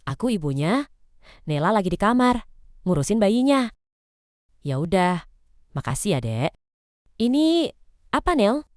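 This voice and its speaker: A woman voicing a bossy, traditional older mother-in-law in an animated drama, scolding and domineering. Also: fairly high pitch, natural voice. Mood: angry.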